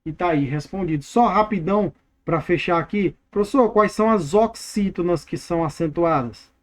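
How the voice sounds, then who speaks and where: A Brazilian man teaching an exam review lesson, energetic and playful, drilling words by repeating them. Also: sits high, moderate pace. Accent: Brazilian Portuguese.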